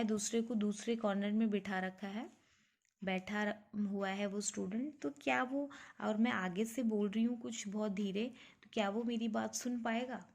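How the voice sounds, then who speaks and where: Slow-speaking woman teacher. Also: on the high side, a little mellow. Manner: slow, explanatory, asks questions to the viewer. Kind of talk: classroom physics lesson mixing Hindi and English.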